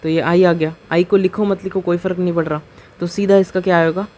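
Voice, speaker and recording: A man with a high-pitched, darkish voice and little pitch movement teaches maths, walking through a proof on the board. Patient and methodical, he slows on key terms, asks rhetorical questions and checks that students are with him.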